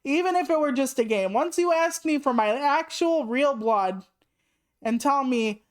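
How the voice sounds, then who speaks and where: A chatty woman streamer in her 30s talks casually on a live stream, swearing freely and rambling through asides full of "like" fillers. Her high-pitched voice is expressive and a little slow.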